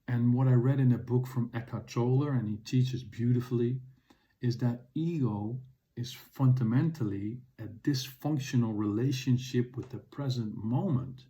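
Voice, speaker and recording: A man hosting his own podcast, speaking in a calm, earnest personal monologue. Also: mid-range voice. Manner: calm, earnest, unhurried reflection. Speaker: podcast host.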